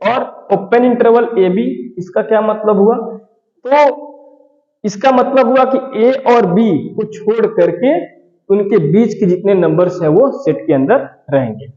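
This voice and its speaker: A man's voice: high-pitched, expressive, a little slow, warm tone, reverberant, long reverb tail, dull audio. A man teaching a math lesson, explaining patiently and often ending his points with "right". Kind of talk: classroom-style lesson explanation.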